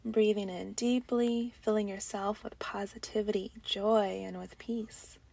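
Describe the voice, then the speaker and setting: Guiding a breathing meditation, this woman speaks at a medium pitch with fairly even intonation and no echo around her. Her delivery is gentle and breathy, drifting toward a whisper and punctuated by lengthy pauses.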